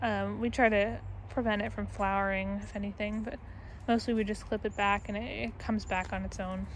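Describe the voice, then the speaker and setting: With a level, medium-pitched voice at a moderate pace, the young American vlogger chats her way through an unscripted tour of her backyard garden. A handheld phone or camera at arm's length captures her, along with a little hiss or hum.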